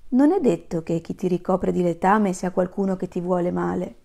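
A woman voicing a tearful, wise cow who states the moral of a children's fable in a soft voice. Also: lowish voice, normal speed, creaky. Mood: sad.

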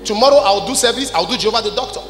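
Rapid-fire and extremely high-pitched, a Nigerian apostle in his forties preaches to his congregation, scolding them in short, emphatic, declarative phrases. He's on stage in a large church hall with a handheld mic, heard through an echoey PA with music behind.

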